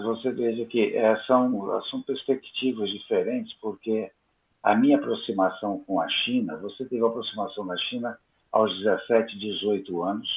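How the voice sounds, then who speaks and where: A man hosting a conversational interview, speaking in a measured, deliberate way with pauses. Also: fairly low pitch. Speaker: host. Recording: tinny phone-like line.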